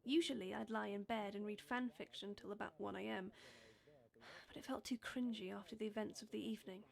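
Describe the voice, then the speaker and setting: A woman's voice: medium pitch, steady tone, creaky. Young woman, nervous confessional narration. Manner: nervous, self-deprecating, halting with fillers. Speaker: narrator and lead character. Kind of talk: first-person dramatic monologue.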